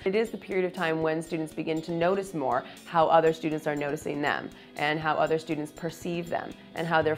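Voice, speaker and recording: Woman expert, low voice, quick, formal. Soft music. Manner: formal, fluent explanation. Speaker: education expert. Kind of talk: documentary interview.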